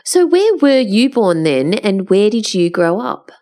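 A woman hosting a podcast, reading a scripted introduction, then asking questions with an emphatic, lively manner. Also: mid-range voice, unhurried. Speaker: podcast host.

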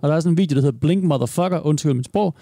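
Thirties male host, gravelly, mellow, long-winded storyteller, dry close mic. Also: fairly high pitch, no echo. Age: 30s. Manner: leads the talk, explains at length with fillers. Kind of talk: casual podcast chat.

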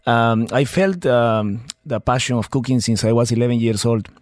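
A man from Peru with a Peruvian Spanish accent, a chef being interviewed on the radio, cheerful, laughs easily and pauses often mid-sentence. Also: mid-range voice, no echo. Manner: warm, cheerful, laughs easily, halting phrasing. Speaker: chef, studio guest. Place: radio studio. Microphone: studio microphone.

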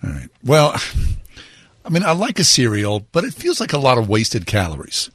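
A man's voice: medium pitch, wildly swooping pitch, moderate pace, a bit bright, husky, no room sound. A man chatting casually as a radio show co-host.

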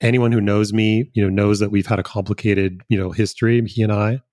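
A man hosting a podcast, speaking in a halting, searching way with many pauses and fillers. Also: on the low side, level tone, darkish tone, dry recording, studio quality. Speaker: podcast host. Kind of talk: conversational interview.

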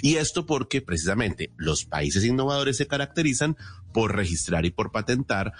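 A man's voice: fairly low pitch, big pitch swings, moderate pace. A man with a Colombian accent hosting a radio programme, explaining things didactically and emphatically with rhetorical questions. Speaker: radio host. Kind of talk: explanatory radio presenting and interviewing.

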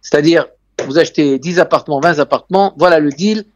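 A man's voice: a little high, brisk, slight background noise. A man with a foreign, Israeli accent in French tells travel anecdotes conversationally as an interview guest, emphatically repeating key phrases. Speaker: interview guest, real estate and tourism businessman.

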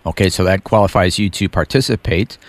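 A man hosting a faith-based interview, calm and affirming, often murmuring agreement as his guest speaks. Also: deep voice, fairly quick, no echo. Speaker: interview host.

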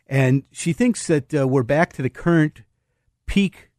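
A man's voice: fairly high pitch, unhurried, darkish tone, dry recording. Male radio host, finance talk, rambling with fillers, dry close-miked sound. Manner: rambling, with many fillers and restarts; explains market terms plainly.

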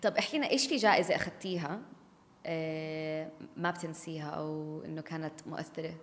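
A woman's voice: low voice, fast. A woman with a Levantine Arabic accent interviewing casually, dropping English words into her questions. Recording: reverberant room.

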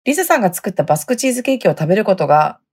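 Husky-voiced chatty woman podcast host. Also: mid-range voice, sing-song, racing, darkish tone. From Hokkaido. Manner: chatty, laughs often, dialect sentence endings. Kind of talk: casual storytelling chat.

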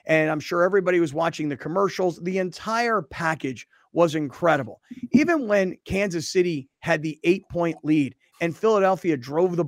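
Casting note: middle-aged male radio host, lively chatty delivery, slightly higher voice, dry close sound. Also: no echo. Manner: energetic, conversational. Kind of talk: sports talk radio.

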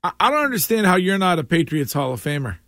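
A man's voice: high-pitched, very animated, fast, sharp tone, no echo, studio quality. An American man hosting a sports talk show with casual banter. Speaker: sports talk radio host.

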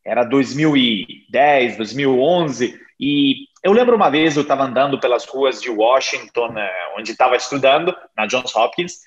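A man in his thirties from Genoa, Italy, speaking Portuguese with an Italian accent as a podcast guest, telling his story with animated pauses and hesitations. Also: medium pitch. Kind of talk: conversational interview. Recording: slightly dull lo-fi sound.

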